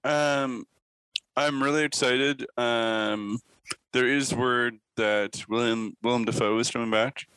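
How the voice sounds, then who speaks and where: A man's voice: mid-range voice, steady tone, slow, pushed and bright, clear, resonant tone, dry recording, rough recording. A man guesting on a podcast, telling rambling stories full of fillers and laughter. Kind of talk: casual chat.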